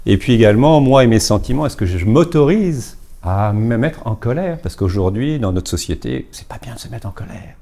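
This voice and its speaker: A man's voice: on the low side, animated, brisk, vocal fry, few pauses, dark tone. A man giving an informal business coaching talk, explaining step by step with many fillers and repeated words.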